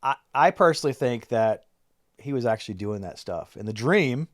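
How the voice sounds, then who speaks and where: A man's voice: mid-range voice, expressive, normal speed, dry recording, studio quality. A man co-hosting a podcast, chatting casually about a movie and laying out his theories, often restarting sentences. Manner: analytical, lays out his theories with frequent restarts. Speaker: podcast co-host.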